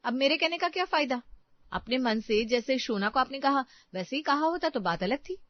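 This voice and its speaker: A woman voicing a resentful young elder daughter-in-law in a cartoon family story, complaining in sharp retorts. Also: high voice, animated, moderate pace, no room sound. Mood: bitter. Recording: dry, dull lo-fi voice track.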